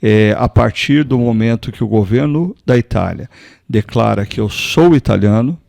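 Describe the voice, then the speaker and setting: A man's voice: mid-range voice, lively intonation, normal speed, gravelly, a little mellow, dry recording, clean studio sound. A man from Brazil, a pastor on a church talk show, chatting in a thoughtful way with small restarts. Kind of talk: casual chat.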